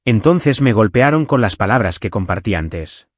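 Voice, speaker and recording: Lively male storyteller, dry close sound. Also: lowish voice, normal speed, no room sound. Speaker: narrator. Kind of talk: scripted first-person story narration.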